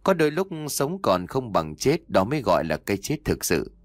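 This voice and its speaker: A man voicing a calm, wise old male exorcist master who speaks in a measured, instructive way. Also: lowish voice, no echo, studio quality.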